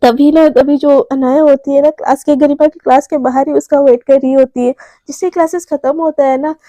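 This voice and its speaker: Woman storyteller, chatty, high pitch, very dark mellow tone, dry close sound. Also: fairly even intonation, brisk, no room sound. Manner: chatty, full of fillers and restarts. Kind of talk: casual spoken storytelling.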